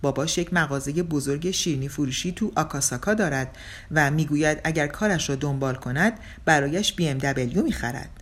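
A woman voicing a cheeky, easygoing young male ex-surfer who jokes about himself, in an audiobook reading. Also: deep voice. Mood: breezy joking. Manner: breezy, joking, self-mocking.

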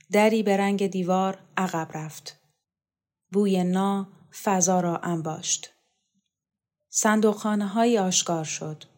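A woman narrating a literary novel in a calm, measured, deliberate reading voice. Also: lowish voice. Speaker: audiobook reader.

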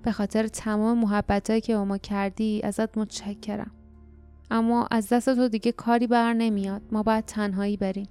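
A woman's voice: steady tone, hardly any pauses, a little mellow, clear, resonant tone, soft background music, close to an everyday voice. Woman reading as Barda, firm warrior man. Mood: firm politeness. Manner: low, polite, firm. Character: grown male warrior companion, practical and polite.

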